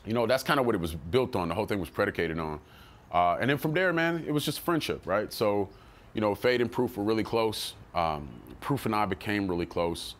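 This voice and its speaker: Male rapper, low voice, casual and animated storyteller, quotes people in bursts, swears freely. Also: a little fast. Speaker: rapper telling his story.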